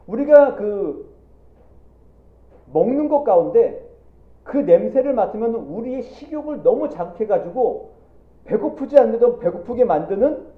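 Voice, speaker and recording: Male pastor, animated sermon delivery; roomy echo, thin narrow-band recording. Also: sits high, measured pace, pauses often. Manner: animated preaching, acting out Bible figures in quotes. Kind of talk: Sunday sermon. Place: church sanctuary. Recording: echoey church, phone-like audio.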